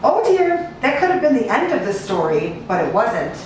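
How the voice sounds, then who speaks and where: Reading a storybook to children, an American animal cruelty investigator and rescue agent uses a slightly high, expressive, sing-song voice, drawing out repeated lists. The sound is distant and full of echo and hiss, captured away from the mic in an indoor room.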